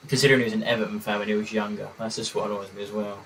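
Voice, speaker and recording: A young man talks through a football watchalong stream. He rambles along in a lowish voice, stopping and starting with lots of fillers. Faint noise hums under his mic. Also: little pitch movement, racing, a bit bright, low-quality recording. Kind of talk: casual live-stream chat.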